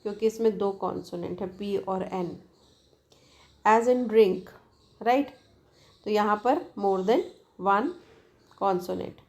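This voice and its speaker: A woman teacher with an Indian accent explaining phonology, reading English definitions slowly and explaining them quickly in Hindi while asking her students questions. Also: medium pitch, a little mellow. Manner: repeats questions to students, addresses them as "beta".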